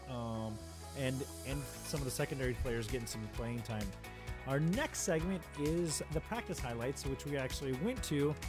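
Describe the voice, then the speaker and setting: A man co-hosting a podcast, chatting casually about football in a relaxed, rambling way with frequent ums. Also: medium pitch. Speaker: podcast co-host. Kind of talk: casual sports chat.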